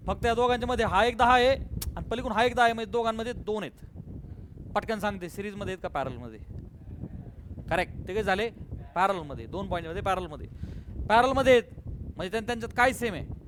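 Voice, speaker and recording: A man's voice: high voice, animated, fast, pauses often, fairly bright tone, slight background noise. A male physics teacher with a Marathi accent lecturing a class, coaxing answers from students and calling them बाळा and बेटा.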